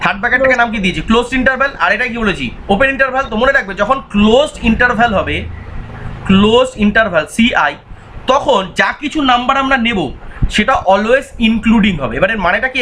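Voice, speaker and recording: A male math teacher gives a recorded online exam-prep lecture. His voice sits very high and sounds bright and sharp. He talks fast and repeats each point as he quizzes his students. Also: a little hiss or hum. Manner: repetitive, quizzing, voices imagined student answers.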